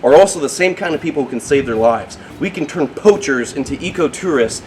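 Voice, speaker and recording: A man's voice: fairly high pitch, animated, fairly quick, a little mellow, rough recording. A man hosting a wildlife vlog, talking casually and animatedly to the viewers and to the animal he is handling outdoors. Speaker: wildlife video host. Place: outdoors in a backyard. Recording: background noise, outdoor ambience.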